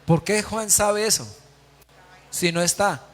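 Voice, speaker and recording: A man's voice: high-pitched, slow. A man preaching a sermon as pastor, emphatic, quizzing the congregation with repeated questions. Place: church hall. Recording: long church hall reverb.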